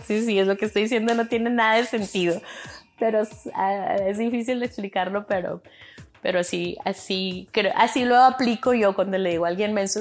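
Chatty woman podcaster. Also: mid-range voice. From Chihuahua, Mexico. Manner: rambling, many fillers, acts out quotes. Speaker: podcast host. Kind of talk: casual monologue.

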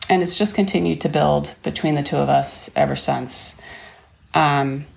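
A woman's voice: low-pitched, normal speed, creaky. A woman telling an earnest, heartfelt personal story about riding and training her horse. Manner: earnest, heartfelt, warmly reflective.

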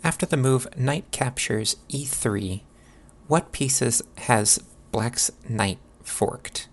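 A man giving instructional chess commentary in a measured way, posing questions to the listener as he analyses a game. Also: mid-range voice.

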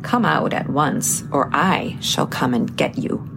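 A woman voicing a sly, ravenous old witch who speaks gruffly and gives orders with mocking menace. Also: low voice, slow pace, over music, exaggerated voice. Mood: menacing. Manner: commanding and mocking.

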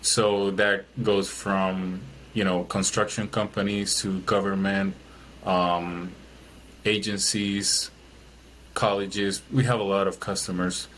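A man's voice: low voice, flat delivery, slow pace, fairly bright tone, a little hiss or hum, rough recording. A man from Chile, a guest in an interview, talking casually with many fillers and restarts. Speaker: guest, business owner.

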